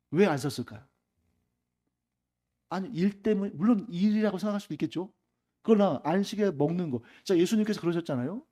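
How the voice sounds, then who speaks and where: Warm-toned preacher asking rhetorical questions. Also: male voice, a little high. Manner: conversational preaching with frequent rhetorical questions to the congregation. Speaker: pastor. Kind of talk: afternoon Sunday sermon. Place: church sanctuary.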